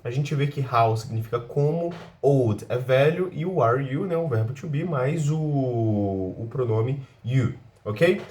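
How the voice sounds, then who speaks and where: A native Portuguese-speaking man teaching English in a recorded lesson, explaining step by step, checking in often and reading English examples slowly. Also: medium pitch, a little mellow.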